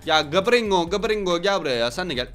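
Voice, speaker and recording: A young man giving loud, joking commentary on an online game he plays, swearing at his opponents. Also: sits high, expressive, quick pace, soft background music. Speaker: gaming YouTuber. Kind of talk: excited gameplay commentary.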